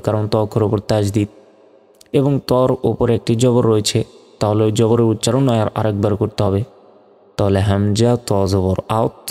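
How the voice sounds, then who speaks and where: A man teaching Quran reading, patiently spelling out letters and vowel marks and repeating each sound in a steady drill. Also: on the low side, long reverb tail. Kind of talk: spelling-out recitation lesson.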